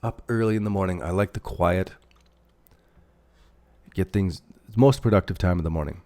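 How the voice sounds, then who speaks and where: With a dark, low-pitched voice at a moderate pace, a Canadian-accented man hosts a relaxed crypto livestream. He rambles and thinks out loud as he marks up charts, replying to messages from viewer chat.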